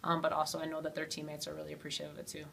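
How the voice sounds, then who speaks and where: Woman, low pitch, flat intonation, head coach, postgame interview, faint noise. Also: very fast, creaky. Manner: steady, many ums and you-knows.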